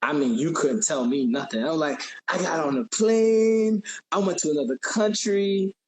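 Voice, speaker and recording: A man's voice: a little high, normal speed, poor audio. A man hosting a casual interview, easygoing and chatty, often repeating his words. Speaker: podcast host. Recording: faint background noise.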